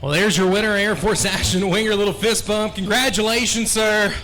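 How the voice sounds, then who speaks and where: A man working as a race track announcer, interviewing drivers after a race with a booming showman manner at an outdoor dirt track. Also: steady tone, a little fast, pushed and bright. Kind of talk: post-race interview commentary.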